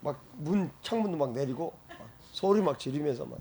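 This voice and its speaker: A male pastor preaching an animated sermon, breaking into loud shouted exclamations and frequent laughter. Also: on the high side, fairly quick, a little hiss or hum.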